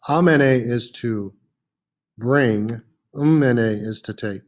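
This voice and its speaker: A man's voice: mid-range voice, slow. A man teaching a French lesson, patiently repeating words with frequent "uh" fillers. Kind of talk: classroom lesson.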